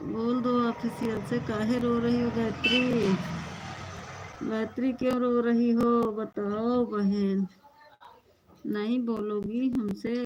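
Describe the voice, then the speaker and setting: A woman's voice: on the high side, a little mellow, slight background noise, rough recording. A woman with an Awadhi-flavoured Hindi accent, hosting a livestream and chatting casually with viewers in a coaxing way. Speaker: livestream host.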